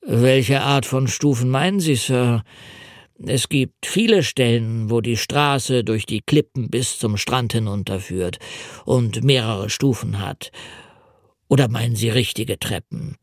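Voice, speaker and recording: A man's voice: mid-range voice, unhurried, dry recording, clean studio sound, natural voice. A man reading the lines of a deferential old coastguard who answers politely and ponders aloud.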